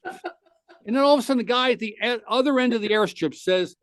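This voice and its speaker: A man with a very high voice hosts a podcast, briskly telling a long, funny story and acting out other people's lines with animation. The studio-quality audio has no room sound.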